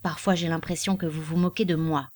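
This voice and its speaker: A woman's voice: low voice, steady tone, a little fast, a little mellow, dry recording. A woman reading an audiobook, voicing an old female servant who is blunt and motherly and who scolds in a rising voice. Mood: hurt. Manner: pleading then scolding bluntly.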